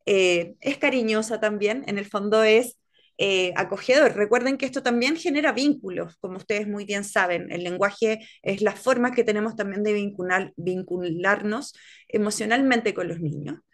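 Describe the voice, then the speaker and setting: A woman instructs an online teacher training workshop, explaining things step by step and frequently checking in with listeners by asking "¿cierto?". She speaks at normal speed in a medium-pitched voice.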